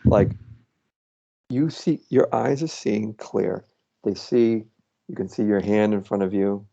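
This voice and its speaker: A man speaks slowly and patiently, coaching someone through self-inquiry and thinking aloud as he goes. His voice is low, dark and gravelly. The sound comes through a muffled, lo-fi video call. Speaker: facilitator guiding self-inquiry.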